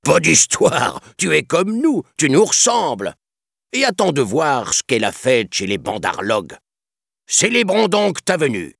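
A man voicing a loud, boastful male monkey king in a storybook reading, with a mocking and excitable manner. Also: fairly high pitch, unhurried, vocal fry, no room sound, studio quality, voice pushed up, heavily acted. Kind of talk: storybook narration.

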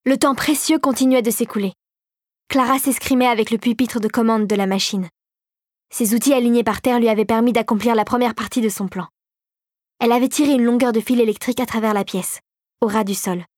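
Woman telling a storybook adventure, dramatic and expressive, kinda high voice. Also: dry recording, clean studio sound. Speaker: narrator. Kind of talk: scripted storybook narration.

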